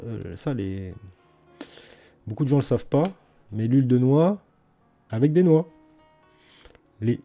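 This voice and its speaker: A man's voice: medium pitch, warm tone. A man in a casual garden vlog, talking colloquially with many hesitations and restarts, and blunt, enthusiastic opinions. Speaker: vlogger talking about his garden.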